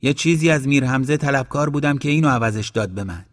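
A man's voice: mid-range voice, pitched above the performer's own voice, natural voice. A man voicing a stubborn, kindhearted young man in a storybook reading. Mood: pleading. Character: stubborn kindhearted young man who keeps an old dog.

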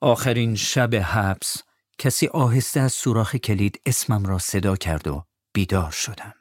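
Calm, dry-voiced male storyteller. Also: on the low side, dry recording. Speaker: audiobook narrator. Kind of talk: storybook narration.

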